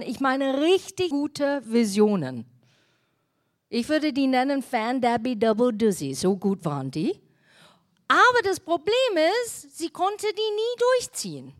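A woman pastor delivers a sermon in a fairly high voice. She talks straight to her listeners and keeps asking them questions. Her delivery is emphatic, and her loudness rises and falls. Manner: addresses the congregation directly with questions.

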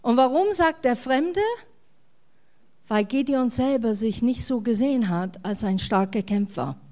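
A woman's voice: a little high, a little slow, mellow, no echo, studio quality. A woman pastor, preaching a sermon and acting out the biblical dialogue in quoted voices.

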